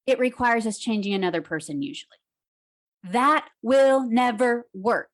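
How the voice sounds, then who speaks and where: Female coach, podcast guest, slightly high voice, chatty and animated, acts out quotes. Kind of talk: casual podcast conversation.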